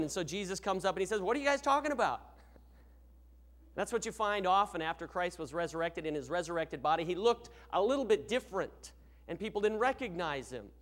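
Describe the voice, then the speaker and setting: Man, pastor, sermon, emphatic, rhetorical questions, fairly high voice. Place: church.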